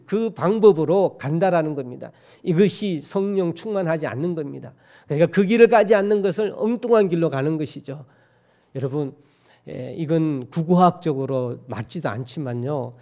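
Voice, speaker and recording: A male pastor from Korea's Gyeongsang region preaches in a church. His voice sits a little high for a man. He talks in a folksy, joking way and keeps asking the congregation questions. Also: warm tone. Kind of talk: sermon. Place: church sanctuary.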